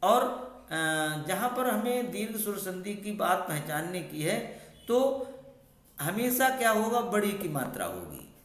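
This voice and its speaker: A man's voice: high-pitched, very animated, measured pace, echoey room. A man teaching a grammar lesson to students. He repeats key points and checks in with short questioning asides.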